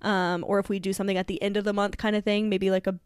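A woman's voice: mid-range voice, little pitch movement, fast talker, clean tone, no echo, clean studio sound. A woman co-hosting a podcast in casual chat, talking with lots of fillers and laughs. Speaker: podcast co-host.

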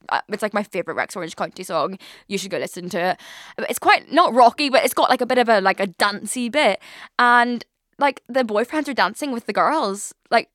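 A woman's voice: fairly high pitch, fairly bright tone, no room sound. A woman in her twenties hosting a casual solo podcast, chatting in a rambling way with lots of fillers and swearing, recorded in a studio. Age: 20s. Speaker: podcast host. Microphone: studio mic.

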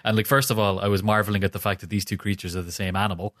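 A man's voice: on the low side, little pitch movement, rapid-fire, fairly bright tone, no room sound, clean studio sound. A man with a Donegal Irish accent, chatting casually and comically as a podcast co-host. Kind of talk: casual comedic chat.

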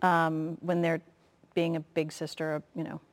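A woman, a child psychologist, talking casually and calmly, modeling phrases for parents to use. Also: low voice, measured pace. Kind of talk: casual chat.

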